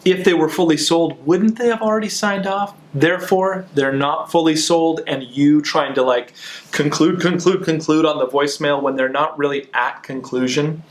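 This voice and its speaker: A man talking casually as a podcast co-host, explaining in a halting way, circling back and repeating words as he goes. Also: fairly high pitch. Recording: roomy, echoing sound.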